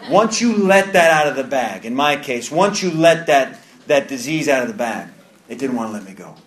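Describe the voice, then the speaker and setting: A man in his thirties with a New York accent speaks at a mid-range pitch and normal speed, expressive, in a roomy-sounding meeting room. He gives earnest personal testimony to a recovery group, often repeating and restarting phrases.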